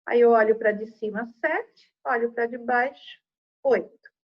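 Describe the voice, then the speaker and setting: A woman's voice: fairly high pitch, measured pace, dull audio. A woman teacher with a Brazilian Portuguese accent giving a patient, step-by-step math lesson to children, checking in after each point.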